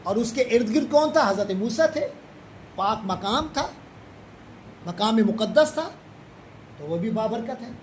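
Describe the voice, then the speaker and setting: A high-voiced, middle-aged Pakistani man teaches a Quran commentary lesson, slowly intoning each Arabic verse before explaining it briskly in everyday language. He is animated, the audio is poor, and faint noise can be heard behind him.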